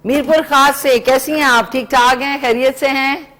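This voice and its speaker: A woman's voice: high-pitched, steady tone, normal speed, fairly bright tone. A middle-aged woman, hosting a live morning TV cooking segment and chatting to viewers and callers. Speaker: morning show host.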